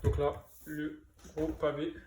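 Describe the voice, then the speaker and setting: A man's voice: a little high, monotone, takes it slowly. Guy rambling about his new comics, lots of euhs and false starts, bit of hiss behind. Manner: hesitant, many fillers and restarts. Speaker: comic book collector vlogger. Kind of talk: casual unboxing chat.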